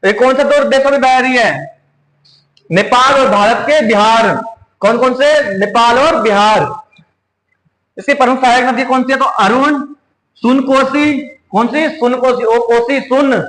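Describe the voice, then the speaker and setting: A man's voice: very high voice, a little slow, a bit bright. A man teaches an exam coaching class, firing off quiz questions and answering them himself. Each key word gets repeated. The voice rings with the echo of a roomy space. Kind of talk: classroom lecture.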